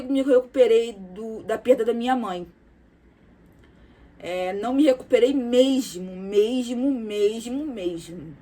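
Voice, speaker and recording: Addressing her audience directly, a woman shares something personal in a confessional vlog. She speaks softly and haltingly at a fairly high pitch, repeating words, using many fillers and tacking on "tá?" often.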